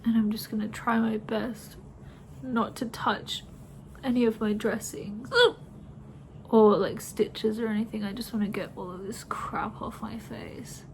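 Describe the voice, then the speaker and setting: A young woman chats through her recovery vlog, her voice thick and congested from a stuffy nose and heavy with sleepiness. Her tone sits a little high but mellow and dark, with a gravelly fry running through it. She rambles loosely, filling gaps with "like" and "um". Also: fairly even intonation, unhurried, a little hiss or hum, low-quality recording. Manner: chatty, rambling, frequent "like" and "um". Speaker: vlogger.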